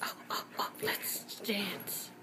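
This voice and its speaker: Woman, home video, excited, cooing at dogs, slow drawl, loud background noise. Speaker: dog owner filming her pets. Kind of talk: casual home video chatter. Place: home, indoors.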